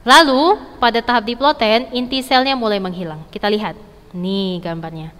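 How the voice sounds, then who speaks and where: A woman's voice: fairly high pitch, normal speed, fairly bright tone. A woman teaching a school lesson, explaining step by step, repeating key points and checking that students follow. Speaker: biology teacher. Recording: reverberant, hall-like echo.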